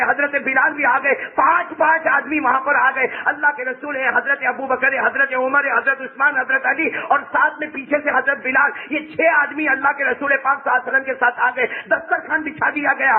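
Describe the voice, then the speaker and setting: A man preacher telling a religious story in a dramatic sermon, swinging between raised cries and hushed low passages and often asking his listeners questions. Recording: tinny phone-like sound.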